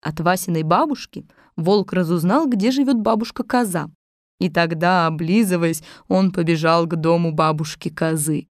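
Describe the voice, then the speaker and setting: A woman narrating a fairy tale with expressive storytelling. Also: on the low side, normal speed, no room sound, studio quality.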